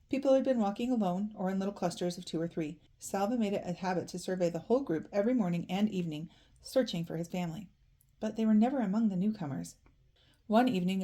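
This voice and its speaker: A woman reads a children's novel aloud at a calm, measured pace. Her voice sits a little low, with a warm, mellow tone. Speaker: audiobook reader.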